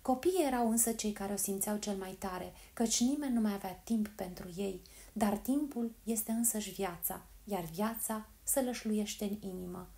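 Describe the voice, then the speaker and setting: A woman narrating a storybook in a calm, measured reading voice. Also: mid-range voice, gravelly. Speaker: audiobook narrator.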